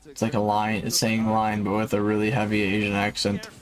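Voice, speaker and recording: A man's voice: on the low side, completely flat delivery, brisk. Sleepy young man griping over a match. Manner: blunt, slangy, critical of plays. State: tired, sleep-deprived. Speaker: streamer hosting a watch party. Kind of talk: casual reaction commentary.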